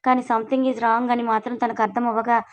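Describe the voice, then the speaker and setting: A woman storyteller narrating a written story aloud in a brisk, steady reading. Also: a little high.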